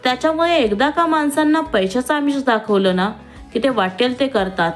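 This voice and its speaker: A woman's voice: high voice, normal speed, soft background music, natural voice. A woman voicing a scheming, vengeful young woman who has escaped from jail and talks in a taunting, sneering way.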